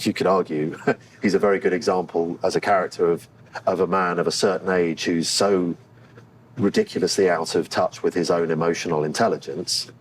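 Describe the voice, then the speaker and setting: An actor being interviewed speaks candidly in a low-pitched voice, thoughtful and halting as he hunts for the right words. Clear background noise surrounds him, and the audio quality is poor.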